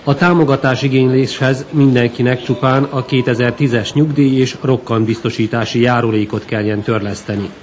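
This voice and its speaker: A man's voice: medium pitch, few pauses. Formal male news reporter voice-over. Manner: even, formal read delivery. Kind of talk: scripted news narration.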